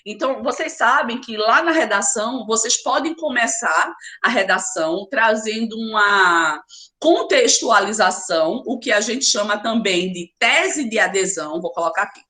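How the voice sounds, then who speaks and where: A woman's voice: on the high side, expressive, moderate pace, sharp tone. A woman with a Brazilian accent teaching a literature class online, urging her students on and calling them by name. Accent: Brazilian Portuguese. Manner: emphatic, urging, talks straight to students by name. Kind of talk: live online class lecture.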